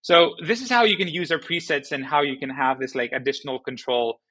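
A man casually explaining software features in a tutorial, relaxed, with frequent fillers and restarts. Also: on the high side, fairly quick, poor audio. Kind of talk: casual screen-recording walkthrough.

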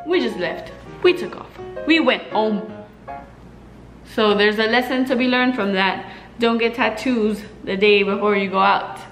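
A young adult woman vlogger tells casual stories to camera, chatty and animated, acting out quotes and using lots of fillers. Her fairly high voice is unhurried, recorded in an echoey room with faint music behind and low overall quality.

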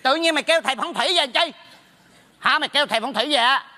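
A blunt teasing neighbor. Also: male voice, very high voice, pushed and bright, long reverb tail, heavily acted. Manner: teasing, blunt, rapid scolding. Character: blunt meddling male neighbor friend. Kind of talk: stage comedy sketch. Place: theater stage.

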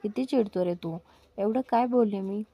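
A woman's voice: mid-range voice, moderate pace, dark tone, no room sound, close to an everyday voice. A woman voicing a demanding young woman who speaks curtly in a spoken storybook.

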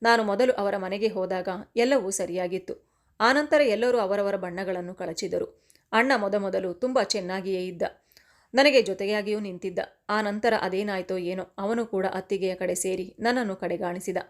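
A woman reading a family story aloud as scripted narration, in a steady, even voice. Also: medium pitch, normal speed.

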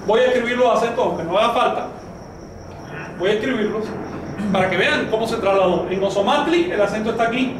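A man's voice: high voice, a little fast. A man teaching a language class, explaining step by step and quizzing his students with questions. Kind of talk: classroom lesson. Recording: echoey room from far off with faint noise.

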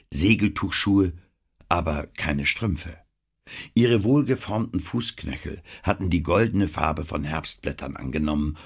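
A man reading an audiobook with expressive, measured narration. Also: deep voice, slightly rough. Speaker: audiobook reader. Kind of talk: scripted narration.

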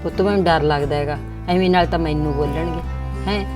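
A woman playing a sad older aunt, speaking softly and lamenting in a village family drama. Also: low-pitched, fairly quick, over music, lightly acted. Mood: worried. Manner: lamenting, soft-spoken.

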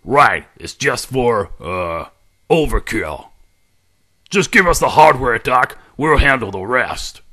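A hot-tempered cartoon skunk brawler, with a gritty, forceful voice. He swings widely in pitch and drags his threats out slowly. The delivery is aggressive and taunting, full of street-tough swagger. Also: expressive, full character voice. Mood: gruff scheming. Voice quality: gravelly, rough. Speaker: amateur voice actor. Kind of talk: cartoon character voice demo.

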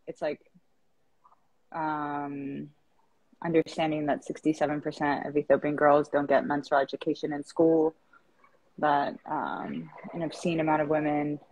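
Woman guest, 30s, from East Africa, deep voice, rambly and casual on a video call. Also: a little mellow, rough recording. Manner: chatty, many fillers and restarts. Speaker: founder, interview guest.

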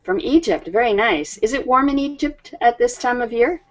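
A woman's voice: a little high, animated, moderate pace, rough recording. A woman in her fifties teaching an online English class on a video call, patient and friendly with her students, laughing often. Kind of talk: slow, friendly class talk. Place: home room, indoors. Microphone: webcam on video call.

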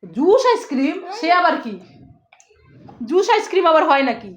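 A woman's voice: sits high, big pitch swings, moderate pace. A woman filming a home video, coaxing and soothing a crying child in a playful way. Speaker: family vlogger filming a child. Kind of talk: casual home video chat. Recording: noisy home recording.

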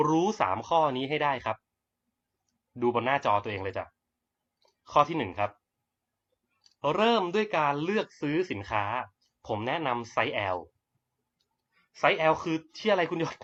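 A young man giving a blunt, brash network-marketing pitch on a livestream, swearing casually as he talks. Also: a bit bright. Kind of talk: live-streamed sales pitch. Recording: dull lo-fi livestream audio.

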